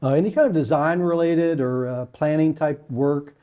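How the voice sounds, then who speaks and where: Mellow-voiced man from Kentucky, hesitant. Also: a little high, normal speed. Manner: hesitant, many fillers and restarts. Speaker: landscape architect guest. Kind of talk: casual interview chat.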